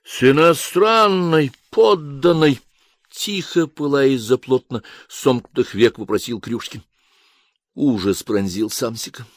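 A man reads an audiobook in a lively, theatrical style. His mid-pitched voice sits close and dry, with no room sound. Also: measured pace, no room sound. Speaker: audiobook narrator. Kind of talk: expressive audiobook narration.

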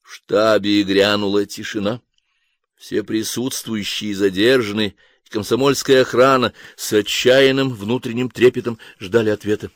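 A man narrating an audiobook in a lively, theatrical reading. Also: fairly low pitch, normal speed, no echo, studio quality.

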